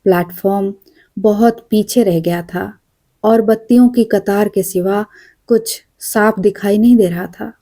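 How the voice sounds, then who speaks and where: A woman narrating a short story as an audiobook, measured and quiet. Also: medium pitch, fairly even intonation.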